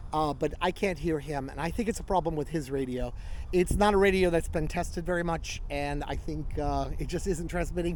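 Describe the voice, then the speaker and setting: A middle-aged man with a pretty high voice casually reviews a gadget as a vlogger, thinking out loud in his living room and outdoors in a backyard by a canal. Clear background noise and ambient sound can be heard behind him.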